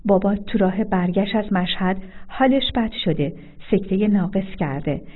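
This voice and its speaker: Hurried middle-aged aunt calling for help, in a woman reader's own voice, phone-thin audio. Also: medium pitch, natural voice. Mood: urgent. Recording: phone-like narrow sound.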